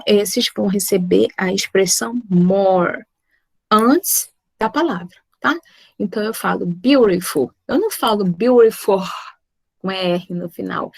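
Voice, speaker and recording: A woman's voice: medium pitch, vocal fry, dry recording. A woman from Brazil teaching English grammar to her students, patiently repeating points and checking they follow.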